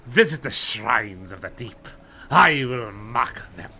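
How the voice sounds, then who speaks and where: A man's voice: medium pitch, expressive, slow, vocal fry, sharp tone, heavily acted. A man voicing an unhinged, grandiose cult leader villain, reading game dialogue in a strained, theatrical, ominous way. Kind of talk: dramatic read-aloud of game dialogue.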